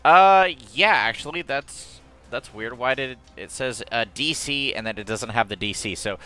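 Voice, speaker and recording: A man's voice: medium pitch, normal speed, sharp tone, smooth, soft background music. A man running a tabletop game as game master, chatty and laughing, with many fillers.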